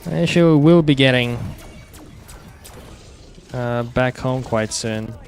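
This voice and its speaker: A man, a game streamer reading chat aloud and answering in a halting way with frequent restarts. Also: medium pitch, clear, resonant tone. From Russia.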